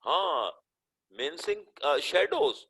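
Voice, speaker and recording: A man's voice: very animated, fairly bright tone, slightly rough, rough recording. A male teacher giving an English lesson, explaining in Urdu mixed with English terms and checking with "theek hai?" as he stresses and drags out key words. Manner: emphatic, rising and falling pitch, drawn-out stressed words. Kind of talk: online class lecture.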